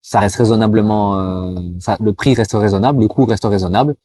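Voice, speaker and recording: A man from France talking casually to the viewer, full of fillers, slowing down to spell out greetings. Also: on the low side, steady tone, mellow. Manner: chatty, addresses viewer as tu, frequent euh fillers; slows down to demonstrate pronunciation. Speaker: vlogger giving advice to cross-border workers. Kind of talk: casual explanatory talk with mini language lesson.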